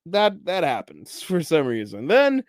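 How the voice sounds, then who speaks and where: A man's voice: unhurried, dry recording, studio quality. A young man hosting a podcast, casually recapping TV episodes, laughing often and acting out characters' lines. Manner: animated, acts out characters' lines with jumps in pitch and loudness. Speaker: podcast host.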